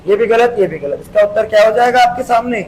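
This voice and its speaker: A male teacher giving an exam-prep grammar lesson, explaining step by step, repeating key terms and drawing sounds out slowly. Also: extremely high pitch, a little mellow, a little hiss or hum, rough recording.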